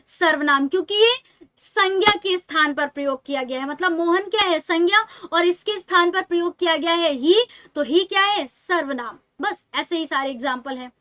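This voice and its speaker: A woman's voice: extremely high pitch, fairly bright tone, no echo. A young woman with an Indian accent teaching an English grammar class online, explaining step by step and answering her own questions.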